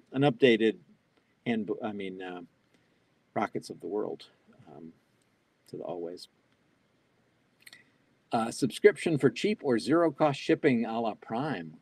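On a video call from his small home office, an older keynote presenter talks through a wired earbud headset, reading out audience questions in a live online Q&A and improvising answers with fillers and restarts. His lowish voice is very animated yet measured, with frequent pauses and a mellow, husky quality. There's no echo.

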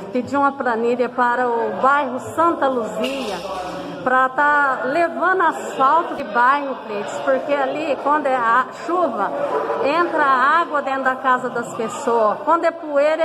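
A middle-aged female councillor with a slightly high voice who speaks earnestly to the interviewer. People murmur clearly in the background. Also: low-quality recording. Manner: earnest, addresses the reporter by name. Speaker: city councillor. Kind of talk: interview answers. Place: indoor office with flags.

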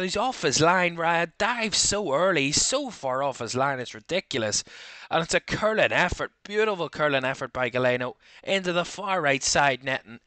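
A man's voice: a little high, pushed and bright, clear, resonant tone, dry recording. A man giving football commentary and goal reaction as a match commentator.

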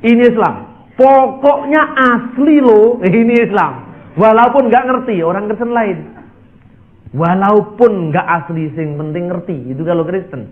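Preacher, lively sermon delivery, high voice, tinny phone-line sound. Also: male voice. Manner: animated, swings between loud and quiet, mimics voices. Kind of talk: sermon with acted dialogue.

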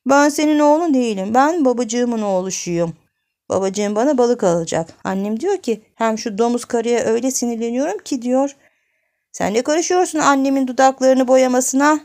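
A woman voicing a bratty little boy who brags and taunts in a high, childlike voice. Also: normal speed, darkish tone, close to an everyday voice. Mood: cheeky. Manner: taunting, bragging.

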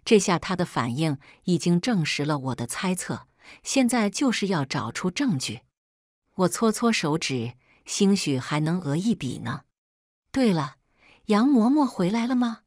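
Low-voiced woman narrating a story. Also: big pitch swings, unhurried, no echo, studio quality. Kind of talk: scripted first-person story narration.

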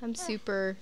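In this casual let's play, a young woman YouTuber with a cold sniffles as she chats her way through a life-sim game, addressing her sims and leaning on "like" and "um". Her voice is medium-pitched, with background noise present.

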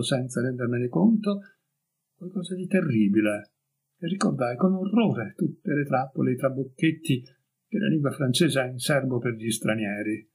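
A man reading a story aloud as an audiobook, in a calm and measured narrating voice. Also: mid-range voice, gravelly, slightly rough, rough recording. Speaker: audiobook reader.

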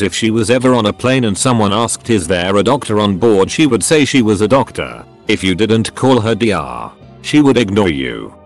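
A man narrating online posts in a flat, even read-aloud delivery. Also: lowish voice. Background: faint music.

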